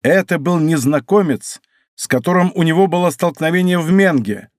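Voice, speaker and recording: A man narrating a classic adventure novel as an audiobook in a measured, expressive way. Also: on the high side, no room sound, studio quality.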